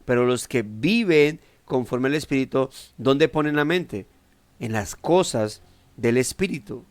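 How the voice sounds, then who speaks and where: A man's voice: animated, a little slow, dry recording. A man preaching a devotional sermon in a conversational way. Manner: conversational, acts out quoted people with shifting pitch.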